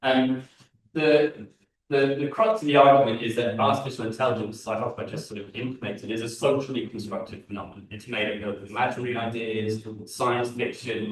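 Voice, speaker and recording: A man with a London accent giving a conference talk as a design researcher, earnest and thinking aloud with fillers and restarts. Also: medium pitch. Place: large lecture hall. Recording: very echoey hall from far off.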